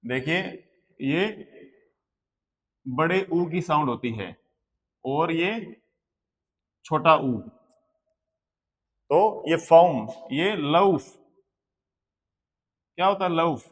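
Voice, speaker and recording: A man with an Indian accent teaches pronunciation very slowly and patiently, with a slightly raised voice. He spells each word letter by letter and then repeats it. His voice rings in a room with a long echo. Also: on the high side. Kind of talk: slow board lesson. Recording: long hall reverb.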